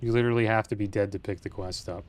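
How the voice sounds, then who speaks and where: A man's voice: lowish voice, fairly even intonation, very fast, slight background noise. A man giving casual, informal let's play commentary as a gaming video host. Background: faint game music and sounds.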